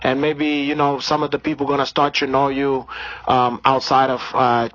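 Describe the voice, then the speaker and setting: A man with a Brazilian accent hosting crude comic banter in halting, repetitive, sweary broken English. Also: medium pitch, little pitch movement, a bit bright, no echo. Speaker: comic show host. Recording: dry, dull lo-fi radio sound.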